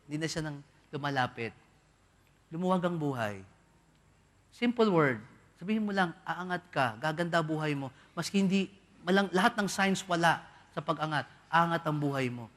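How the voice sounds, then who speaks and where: A priest preaching to a congregation in a large cathedral. He is animated, acts out the voices he quotes and banters with the crowd. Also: on the high side, moderate pace, long pauses. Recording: long hall reverb.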